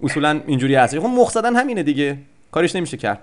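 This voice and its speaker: A man with a slightly high voice plays out a comic prank call. He rambles, stumbles over his words and keeps up a mock-polite manner. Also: very animated. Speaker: prank caller. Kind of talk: improvised comic phone prank.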